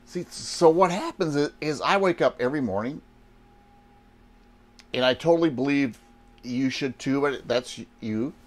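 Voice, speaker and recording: A man's voice: mid-range voice, animated, a little slow, long pauses. A man, giving a folksy motivational talk to camera inside a small RV trailer. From Wisconsin, United States. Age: 60s. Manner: folksy, asks and answers rhetorical questions. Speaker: online business coach.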